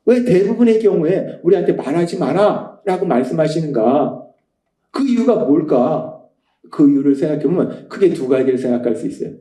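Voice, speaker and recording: A middle-aged man preaching a sermon as pastor, emphatic and passionate, dropping to hushed tones when quoting. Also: a little high, animated, normal speed. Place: church sanctuary. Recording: echoey church hall.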